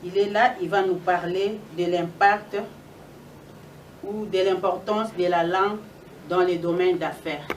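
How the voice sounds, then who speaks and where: A woman's voice: fairly low pitch, steady tone, measured pace. A middle-aged woman moderating a public event, emphatic and repeating phrases for stress. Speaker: event moderator introducing speakers. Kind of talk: public address. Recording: echoey noisy room, distant microphone.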